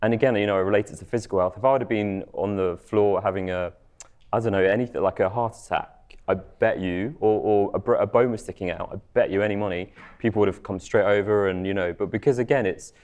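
A man's voice: fairly low pitch, steady tone, quick pace, a little mellow. A man speaking candidly about personal experiences as a guest on a discussion panel.

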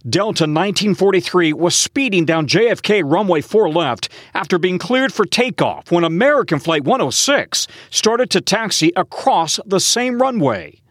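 A man delivers scripted news reporting in a high, lively voice. He is a correspondent, and his pitch moves a lot as he reads. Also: normal speed, no echo, studio quality.

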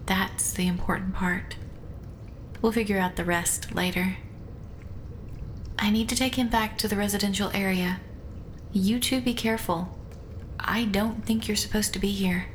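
A woman's voice: mid-range voice, fairly even intonation, normal speed, pauses often, a little hiss or hum, close to an everyday voice. A woman playing a composed, caring, practical character in an audio drama, sounding reassuring and matter-of-fact. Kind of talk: scripted audio drama acting.

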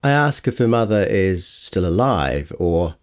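This male narrator has a low, clean voice with big swings in pitch and an unhurried pace. He reads a scripted feature article aloud as an audio long-read, performing the quotes within his narration.

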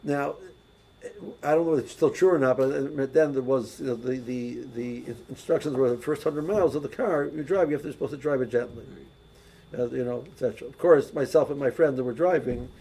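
A man's voice: mid-range voice, a little fast, vocal fry, dark tone, breathy edge, rough recording. A man giving a casual religious lesson, telling anecdotes with many restarts and repeated words. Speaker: religious teacher. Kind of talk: casual teaching talk with anecdotes.

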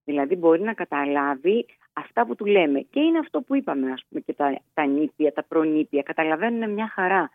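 A woman psychologist giving measured advice as a podcast guest, pausing and restarting often, heard over a phone line. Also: deep voice, expressive, no echo. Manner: measured, explanatory, with frequent hesitations.

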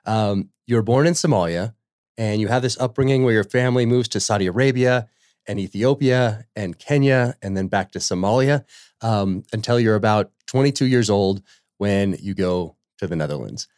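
A male podcast host with a very low voice. He talks in a halting way, full of fillers and restarts, and the sound is close and dry with no room echo. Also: a little mellow. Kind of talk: reading a book excerpt, then interviewing.

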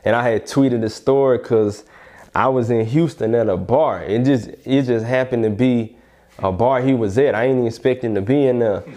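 A man's voice: medium pitch, moderate pace, dark tone. A man from Alabama with a Southern accent, talking casually in an interview in slangy speech full of check-in phrases. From Alabama, United States. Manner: slangy, repeatedly checks "you know what I'm saying". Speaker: rapper being interviewed.

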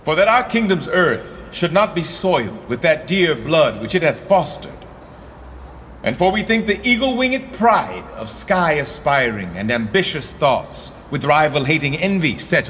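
A man's voice: a little high, big pitch swings, unhurried, fairly bright tone. An actor playing a young, imperious medieval king, declaiming Shakespearean verse in a regal, mercurial manner. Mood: stern, grand. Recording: long hall reverb, background noise.

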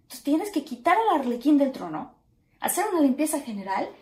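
Una mujer con acento mexicano y voz algo aguda da consejos con énfasis en una charla informal. Su voz suena con eco, como en una sala amplia. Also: female voice, high-pitched, big pitch swings, fairly quick, dark tone. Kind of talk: casual chat. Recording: roomy echo.

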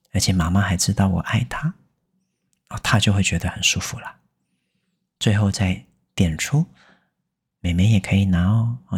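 A man with a Taiwanese Mandarin accent hosting a parenting podcast, explaining patiently and slowly sounding out English words. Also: sits low, darkish tone, breathy edge. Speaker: parenting educator and podcast host. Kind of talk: podcast advice and mini English lesson.

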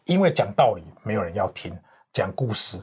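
Husky-voiced man coaching on speaking. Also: lowish voice, big pitch swings, fairly quick, a little mellow. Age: 50s. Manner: expansive, lecturing, confident. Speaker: guest, professional speaking coach. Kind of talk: interview, explaining with examples.

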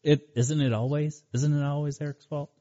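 A man hosting a talk show in a conversational style, with a halting, pausing delivery. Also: on the high side, steady tone, mellow. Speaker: host. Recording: dull, muffled audio.

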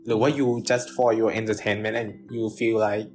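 A man talking casually as a podcast guest, halting with many restarts and mixing English terms into his speech. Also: on the low side, flat delivery, a little mellow, soft background music.

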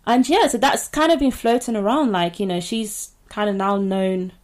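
A woman's voice: medium pitch, moderate pace. A woman with a British accent casually telling stories and chatting as a podcast co-host. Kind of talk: casual storytelling and chat.

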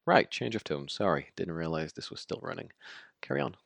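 A man playing a deep-voiced, sardonic interviewer. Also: expressive, creaky, a bit bright, full character voice. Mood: wry. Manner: sardonic, brisk. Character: dry, teasing male interviewer. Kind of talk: audio drama dialogue.

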